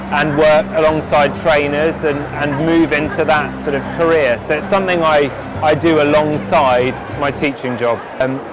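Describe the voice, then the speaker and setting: A man who trains dogs and teaches primary school, giving an earnest, measured testimonial interview with frequent restarts. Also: fairly high pitch, rough recording. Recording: clear background music.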